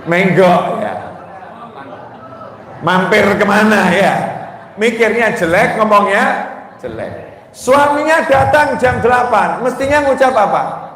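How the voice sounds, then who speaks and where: A man delivers a sermon in a high voice, taking his time over each phrase. He jokes with the crowd and keeps drawing answers out of them. His voice rings through a large, echoing hall, with faint ambient noise behind it. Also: big pitch swings, slow pace, long pauses, fairly bright tone. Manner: quizzes the crowd with call-and-response questions; playful and joking, acts out scolding wives. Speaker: preacher. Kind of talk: Islamic study sermon to a congregation.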